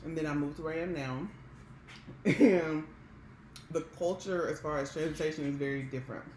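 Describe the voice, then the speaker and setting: A woman's voice: low voice, fairly quick, warm tone. An American woman talks casually to her viewers in a candid, chatty vlog style. She puts emphasis on her points as she goes. The room is noticeably echoey, with some light noise behind her voice. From Maryland, United States. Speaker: vlogger. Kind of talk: casual mukbang chat to viewers. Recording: roomy echo with background hiss.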